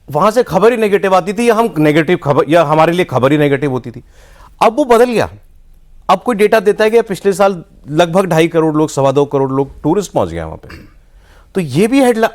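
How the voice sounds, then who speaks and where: Lively, higher-voiced male host. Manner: animated, asks long framing questions. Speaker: talk show host. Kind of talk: hosting a studio discussion.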